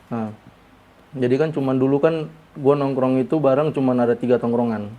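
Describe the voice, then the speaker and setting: Halting, mellow-voiced man from Bogor. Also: medium pitch, steady tone. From Bogor, Indonesia. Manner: halting, many pauses and fillers. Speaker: guest. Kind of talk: casual interview storytelling.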